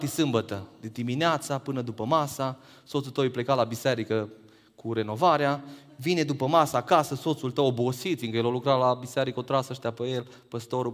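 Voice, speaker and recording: A man preaching a sermon, firing rhetorical questions that climb to emphatic peaks and then drop low. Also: in a large hall.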